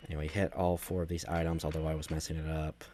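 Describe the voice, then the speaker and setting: A man with a very low voice narrates his gameplay in a relaxed, rambling way, often stopping to correct himself mid-sentence. A faint hum of noise sits behind him. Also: fast talker. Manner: rambling, self-correcting, conversational. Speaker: gameplay commentator. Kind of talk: casual game walkthrough commentary.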